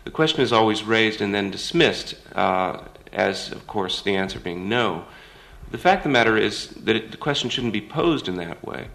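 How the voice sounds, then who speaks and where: Man, lowish voice, creaky fry, measured academic commentary, critical. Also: lively intonation, a bit bright, rough recording. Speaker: academic, symposium participant. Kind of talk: considered scholarly commentary.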